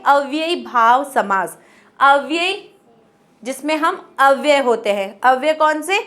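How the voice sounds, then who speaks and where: A woman with a high voice teaches a grammar class. She goes through it step by step, asking questions and answering them herself, and says the key terms slowly. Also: fairly bright tone. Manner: explains step by step, asks and answers her own questions. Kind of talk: classroom lesson.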